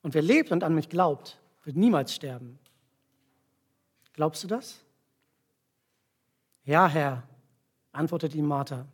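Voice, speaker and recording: A man speaks to a gathering in a fairly high, husky voice, slowly recounting a scripture passage in stages and calling volunteers to their feet to act it out. Frequent short tag questions keep his listeners engaged throughout this sermon with volunteer demonstration.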